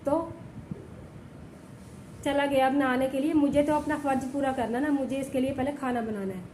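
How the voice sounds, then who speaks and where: A woman's voice: sits high, steady tone, normal speed, a little mellow, roomy sound, slight background noise, low-quality recording. A woman vlogging at home while sick with a fever, complaining at length and often checking in with viewers. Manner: complaining, repeats herself, keeps asking "ठीक है?". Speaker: village vlogger. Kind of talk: casual vlog talk to camera. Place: home indoors.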